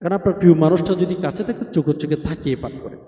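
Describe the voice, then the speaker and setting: A man's voice: fairly high pitch, dark tone. A man preaching, chanting prayers in long melodic phrases and explaining them in a sermon. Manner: melodic drawn-out chanting, then rapid explaining. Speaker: Islamic preacher. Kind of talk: chanted Quranic recitation and sermon. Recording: echoey distant lo-fi recording with faint music.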